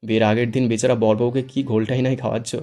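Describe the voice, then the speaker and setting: A man's voice: mid-range voice, level tone, quick pace, dark tone, close to an everyday voice. A man reading a story aloud, voicing a joking young man who mocks his friends playfully. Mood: mocking. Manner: mocking, playful.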